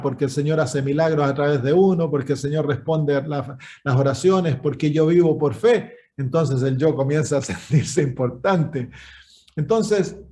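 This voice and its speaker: High-voiced pastor teaching scripture. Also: male voice, a little mellow. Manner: earnest, repeats words while searching for them. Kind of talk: Bible study sermon.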